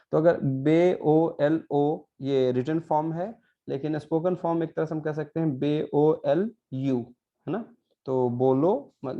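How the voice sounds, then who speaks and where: A man's voice: a little high, highs cut off. A man teaching a pronunciation lesson, patient and repetitive, often checking in with his students. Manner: patient, repeats words slowly and adds frequent "है ना" checks. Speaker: Portuguese language teacher.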